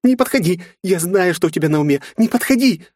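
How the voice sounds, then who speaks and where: A man's voice: expressive, fast, a little mellow, no echo, clean studio sound. A man voicing a terrified young woman who shrieks at the demon she fears. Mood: shrieking panic. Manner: shrill panicked shrieking.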